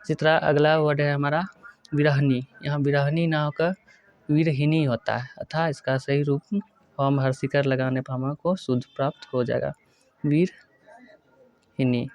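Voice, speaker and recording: A male teacher giving a spelling lesson, working through words one by one and repeating each correct form slowly. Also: on the high side, level tone. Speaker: Hindi grammar teacher. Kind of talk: exam-prep lesson.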